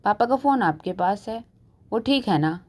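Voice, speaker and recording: A woman's voice: medium pitch, animated, normal speed, close to an everyday voice. A woman doing a nervous young man. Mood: worried. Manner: nervous, worried. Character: anxious young man, worried son.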